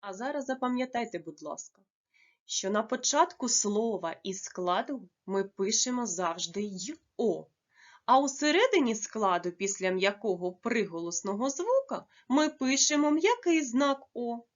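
A woman teaching a lesson to young children, dictating slowly and carefully with drawn-out words. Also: fairly high pitch, expressive, lo-fi sound. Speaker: primary school teacher.

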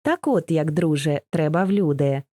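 Voicing a steady, wise old Cossack father, a woman narrates his advice in a warm, homely, teaching tone, like a storybook audiobook. The delivery is low, mellow, and animated at a moderate pace, captured in a dry, close recording with no sense of space.

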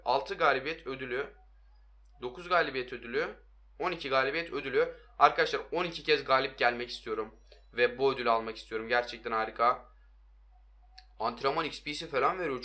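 A young man giving excitable, hoarse-voiced commentary on his own mobile football game, talking to his viewers and shouting at his players. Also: medium pitch. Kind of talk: live gameplay commentary.

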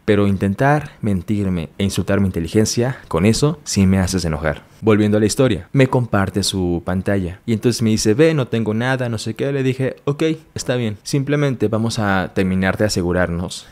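Calm, firm young man, low voice. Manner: calm, firm and direct, acting out both sides of dialogue. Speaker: podcast host. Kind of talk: personal storytelling monologue.

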